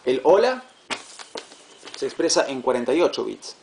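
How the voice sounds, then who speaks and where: A man teaching a class, patient and repetitive, checking understanding with quick questions. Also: mid-range voice, sing-song, vocal fry, a little mellow, slight background noise. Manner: patient, repeats words, asks "¿sí?" to check. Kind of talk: classroom lecture.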